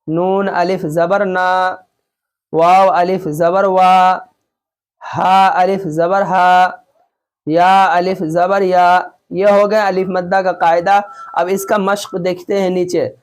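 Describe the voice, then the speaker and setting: A man teaching Quran reading in an online lesson, spelling out letters and syllables slowly, then explaining quickly and checking that students follow. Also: sits high, a little mellow. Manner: repeats and checks understanding often.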